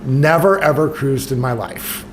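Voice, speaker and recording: A man's voice: mid-range voice, measured pace, slight background noise. A man giving a casual talk to an audience, wry with laughing asides. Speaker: presenter.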